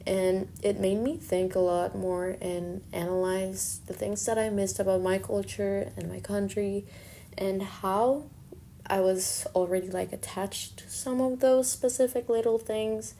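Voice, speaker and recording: Speaking at medium pitch in a level, dark tone and a little slowly, this young Colombian-accented woman introduces herself informally. A native Spanish speaker, she's an artist and fine arts student reflecting on her work, with slight background noise.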